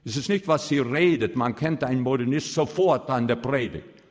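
A man's voice: medium pitch, normal speed, darkish tone, long reverb tail. A man preaching a sermon to his congregation. He speaks emphatically, and his voice rises sharply whenever he stresses a point.

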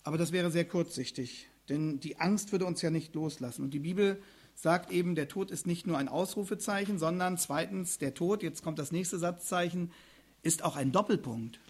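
An earnest middle-aged male pastor delivers a sermon, turning often to his listeners with direct questions. His voice sits high for a man and keeps a steady, serious tone. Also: moderate pace. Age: middle-aged or older.

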